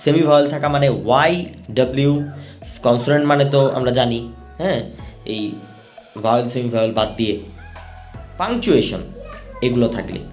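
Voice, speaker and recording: A man's voice: mid-range voice, brisk, long pauses, a little mellow, faint music behind. A man teaching an English pronunciation lesson, patiently repeating each rule step by step for his learners. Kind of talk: explanatory lesson.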